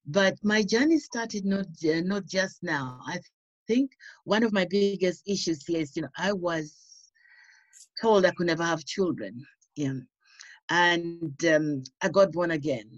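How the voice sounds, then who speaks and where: A woman's voice: on the low side, unhurried, dry recording. Woman from Uganda, earnest testimony, says "you know" a lot, muffled dry sound. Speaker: guest. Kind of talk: personal testimony.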